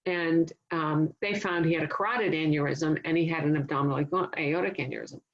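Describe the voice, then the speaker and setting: A woman's voice: deep voice, fairly even intonation, a little fast, dull audio. A woman nursing instructor giving a casual, conversational classroom lecture, explaining with everyday analogies and stories.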